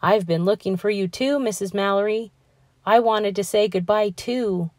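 A woman's voice: medium pitch, normal speed, a little mellow, no echo, clean studio sound, close to an everyday voice. A woman voicing an earnest, eager young schoolboy in a children's storybook, sincere and plain-spoken. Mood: relieved, sincere. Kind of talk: children's storybook character reading.

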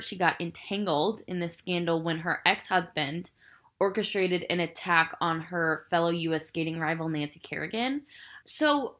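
A woman's voice: fairly low pitch, fairly bright tone. A woman hosting a casual film review podcast, chatty and rambling with lots of "like" fillers, earnest and emotionally invested in what she describes. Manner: chatty and rambling, heavy use of "like" and "I think". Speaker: podcast host.

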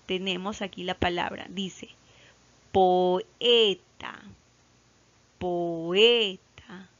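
In this recorded classroom lesson, a Peruvian woman teaching primary school speaks slowly and patiently in a mid-range voice with a Peruvian Spanish accent. She repeats key words, loudly draws out example words, and keeps asking the children "¿ya?" to confirm they follow. The lo-fi recording sounds slightly dull.

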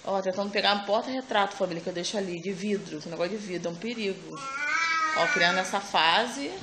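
A Brazilian Portuguese-accented mother vlogs casually from her family home on her phone, chatting with viewers she keeps calling "family" and cooing at her baby. Her mid-range voice is fast, and the audio is very noisy.

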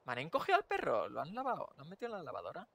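A man giving excitable, jokey let's play commentary, swearing freely. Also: fairly high pitch, racing, vocal fry. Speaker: streamer.

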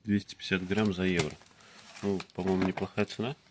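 A man narrates a casual food-tasting vlog through his phone camera, speaking calmly and tersely in short fragments. Faint noise sits behind his voice. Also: low-pitched, brisk. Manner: calm, terse, speaks in short clipped phrases. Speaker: vlogger tasting groceries. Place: indoors, in a room in a city. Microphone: phone camera held by the speaker, who stays off screen.

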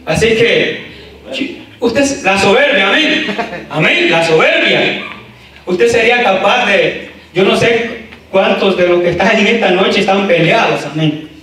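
High-voiced preacher shouting in an echoey church. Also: male voice, lively intonation, a little slow. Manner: building to loud shouted exhortations; frequent "amén" interjections, talks straight to the congregation. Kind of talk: sermon. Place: church sanctuary. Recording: echoey church from a distant mic.

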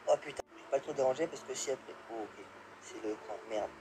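A young man giving live gameplay commentary, excitable, yelping and laughing, swearing and dropping English exclamations. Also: mid-range voice, fast talker, noisy background. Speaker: gamer.

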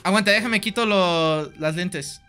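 A young man with a Mexican Spanish accent chats through a live game stream, bright and sharp in tone. He rambles playfully, swears offhandedly and says many lines twice. Soft music runs underneath. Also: high-pitched, unhurried. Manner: playful, rambling, swears casually, repeats himself. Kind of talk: joking gameplay live stream. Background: faint background music.

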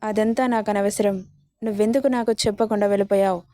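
A woman's voice: mid-range voice, steady tone, quick pace, mellow, no echo, studio quality, natural voice. A woman voicing a possessive, angry young husband who talks curtly and gives orders. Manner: curt and commanding.

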